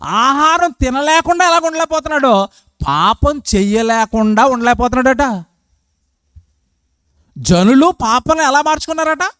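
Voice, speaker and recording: Male preacher, high voice, dry close mic; emphatic, questions the crowd. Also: normal speed, pauses often, fairly bright tone, clean tone, no echo. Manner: emphatic, asks the crowd questions and acts out short quotes. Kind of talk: sermon.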